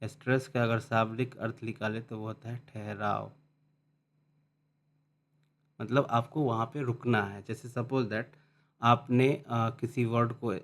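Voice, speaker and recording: A man teaching English phonetics in Hindi, reading definitions out slowly and then explaining them, often restarting and repeating words. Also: mid-range voice, steady tone.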